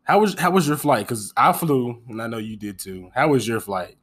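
A man co-hosting a podcast, telling travel stories in a casual, profane, animated way and laughing often. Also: medium pitch, moderate pace, husky. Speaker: podcast co-host. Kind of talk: casual chat.

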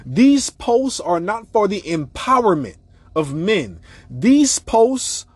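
A man with a raspy voice hosting an opinionated podcast monologue, talking emphatically and repeating his points for effect. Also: high-pitched, very animated, slow pace, no room sound. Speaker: podcast host.

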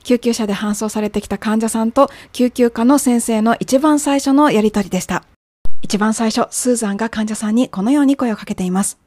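A woman teaching English with clear, patient explanations and slow, careful example phrases; Japanese is her first language. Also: on the high side, a little mellow, no echo. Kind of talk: language lesson narration.

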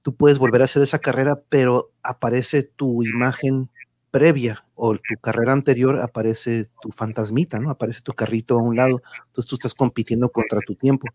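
A man's voice: medium pitch, steady tone, fairly quick, darkish tone, dry recording. Casual Mexican man, very dry close sound. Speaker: host of an online channel livestream. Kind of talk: casual rambling chat.

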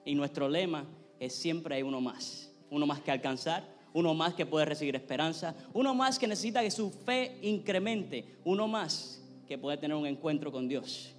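Male pastor, high voice, fervent sermon and prayer, long reverb in the sanctuary. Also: lively intonation, moderate pace. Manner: preaches with rising intensity, prays fervently. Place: church sanctuary. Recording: long hall reverb, faint music.

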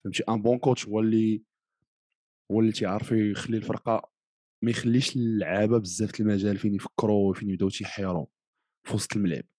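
Man, Moroccan accent, rapid explanatory talk, slightly low voice, French phrases mixed in, casual discussion. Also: flat delivery, mellow, dry recording.

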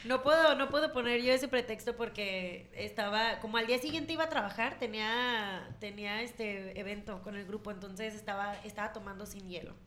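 A woman's voice: mid-range voice, a little fast, few pauses, a little hiss or hum. A young Mexican woman with a Mexican Spanish accent, telling a party story in casual chat and laughing often. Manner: laughing, lively anecdote telling.

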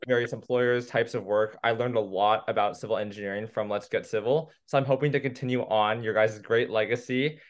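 A man's voice: fairly low pitch, steady tone. A young man from California, a new podcast co-host, talking earnestly in casual chat. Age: young adult. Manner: earnest, with some "um" and "uh" pauses.

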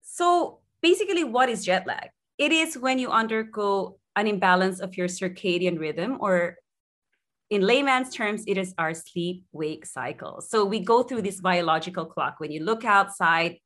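A woman's voice: medium pitch, animated, moderate pace, a bit bright. A woman speaking as a sleep consultant in an interview, explaining conversationally and encouragingly, often repeating phrases for emphasis.

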